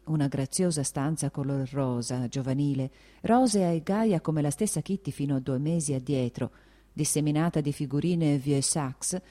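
A woman narrating a novel as an audiobook with calm, steady reading. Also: sits low.

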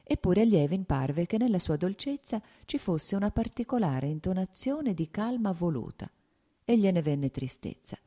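Low-voiced woman reading a novel. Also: lively intonation, normal speed, warm tone. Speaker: audiobook narrator. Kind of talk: scripted novel narration.

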